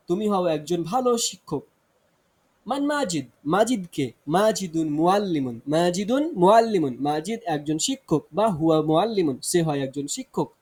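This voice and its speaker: Man, Bangladeshi Bengali accent, slightly high voice, language teacher, slow reading with restarts and fillers. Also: a little mellow. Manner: reads example sentences slowly with frequent restarts and fillers. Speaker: Arabic teacher. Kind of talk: language lesson, reading and translating.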